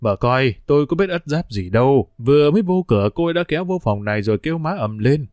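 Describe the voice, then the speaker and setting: Guy doing a gentle old auntie, slow and soft, dry close sound. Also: mid-range voice, lively intonation, no room sound, close to an everyday voice. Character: elderly woman, gentle country aunt.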